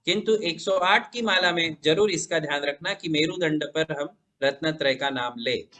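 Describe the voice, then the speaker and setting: Man, Jain monk, high voice, bright tone, patient explanations, religious Q&A. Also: moderate pace. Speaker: Jain monk answering questions. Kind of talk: religious question-and-answer teaching.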